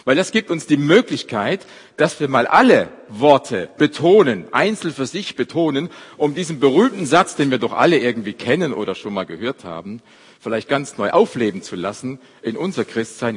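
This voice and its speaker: A man preaching a sermon at a church service, stressing his words one by one and often dropping to a quiet close. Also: medium pitch, very animated, moderate pace, slightly rough. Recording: long hall reverb.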